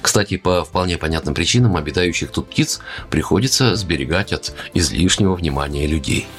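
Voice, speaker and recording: A man's voice: low voice, lively intonation, fairly quick, soft background music. A man hosting a nature radio programme, reading scripted narration in a presenter's style.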